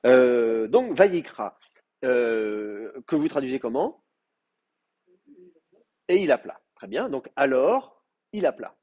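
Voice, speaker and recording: Husky-voiced man teaching a Hebrew class. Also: mid-range voice, sing-song, slow pace, long pauses, a little mellow, lo-fi sound. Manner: explanatory, frequent filler words and restarts. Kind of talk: university lecture.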